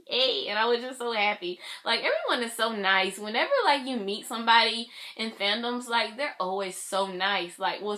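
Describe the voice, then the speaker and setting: Bright-voiced young woman telling a story. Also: lowish voice. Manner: chatty, gushing, voice dipping soft as she tears up. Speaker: vlogger. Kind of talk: emotional personal storytelling.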